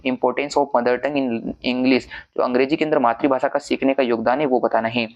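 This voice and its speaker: Male teacher, mid pitch, revision lecture; slows for English lines, explains in Hindi; muffled lo-fi sound. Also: steady tone. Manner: reads English points slowly, then explains them in Hindi.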